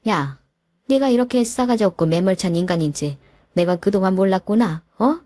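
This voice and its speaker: A woman's voice: medium pitch, lively intonation, moderate pace, no room sound, studio quality, natural voice. A woman voicing a cold, demanding older mother-in-law in a spoken story. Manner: demanding, then shouting insults.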